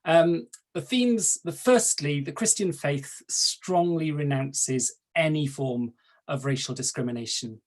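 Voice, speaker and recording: A Welsh archdeacon who speaks Welsh natively delivers a prepared webinar talk over a video call. His fairly high-pitched, Welsh-accented voice stays measured and formal as he lays out his points in order.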